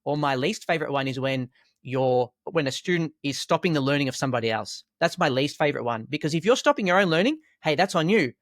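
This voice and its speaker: A man who teaches school and martial arts talks through classroom discipline in a calm, storytelling way. His voice sits a touch high and jumps up on points he wants to stress, and he throws in rhetorical questions. The sound is close and dry. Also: quick pace, dry recording. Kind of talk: conversational podcast explanation.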